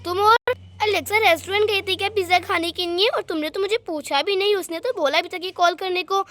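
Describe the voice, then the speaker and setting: A woman's voice: very high voice, steady tone, a little fast, fairly bright tone, no echo. A woman voicing a touchy young woman doll who sulks and complains huffily in a doll story. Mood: huffy. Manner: sulky, huffy complaints.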